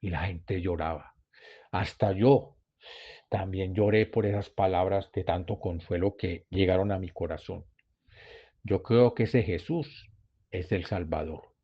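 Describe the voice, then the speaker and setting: A male preacher teaches a Bible study at an unhurried, deliberate pace, his voice sitting at an ordinary middle pitch. His delivery is earnest and builds to emphatic peaks. The recording has a dull, lo-fi sound. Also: animated, husky.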